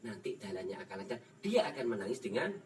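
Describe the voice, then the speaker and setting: A man's voice: on the low side, sing-song, fast. A man with a Javanese accent giving an informal religious lesson, acting out dialogue and laughing often. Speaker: ustaz teaching a kitab study. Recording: distant mic with room noise.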